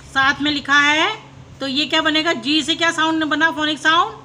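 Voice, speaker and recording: A woman teacher, slowly spelling out letters and sounding them one by one in a phonics lesson for young learners. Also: sits high, steady tone, pushed and bright, a little hiss or hum.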